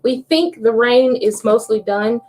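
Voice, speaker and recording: A woman's voice: on the high side, measured pace, a little mellow, faint music behind. A woman hosting a live tarot reading, chatting casually with viewers and laughing often. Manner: chatty, laughs often, talks to viewers while shuffling cards. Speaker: tarot reader livestream host. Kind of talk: casual livestream chat.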